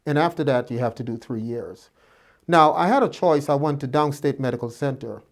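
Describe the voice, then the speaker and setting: The doctor talks a little fast here, his voice mid-range. He's a man in his fifties from Guyana, reflectively narrating his life to students in a loose, personal way, frequently restarting and using fillers.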